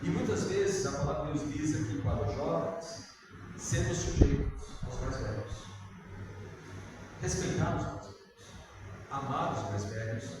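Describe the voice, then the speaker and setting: Older Brazilian male preacher, slightly high voice, chatty sermon, recorded from a distance in a reverberant church hall. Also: animated, unhurried, very noisy. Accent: Brazilian Portuguese. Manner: conversational, asks the congregation questions. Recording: echoey hall, far from the mic.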